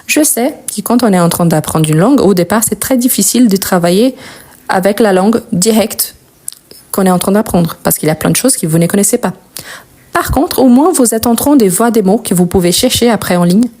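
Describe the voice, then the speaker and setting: With a warm, mid-range voice and lively intonation, a young native Portuguese speaker from Brazil walks students through French grammar, repeating sample words at a slow pace.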